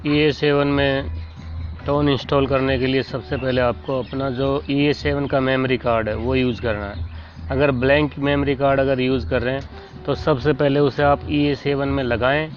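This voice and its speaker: A man calmly explaining, step by step, how to load files onto a keyboard, talking while he demonstrates. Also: medium pitch. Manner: plain, instructive, talks while demonstrating. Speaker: keyboard tutorial host. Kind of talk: casual step-by-step tutorial. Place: indoors at a computer and keyboard. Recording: dull lo-fi sound with faint noise.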